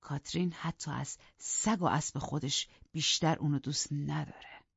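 A man voicing a bitter, obsessive young man who talks with intense scorn and drops into low whispers in an audiobook. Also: steady tone, creaky, fairly bright tone, slightly rough, no room sound, exaggerated voice. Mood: scornful. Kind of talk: audiobook character reading. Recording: dry, dull lo-fi recording.

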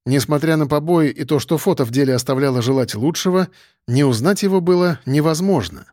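A man reading a first-person crime audiobook in an even storytelling delivery. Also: on the high side, brisk, no room sound, clean studio sound. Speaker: audiobook narrator. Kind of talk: scripted first-person narration.

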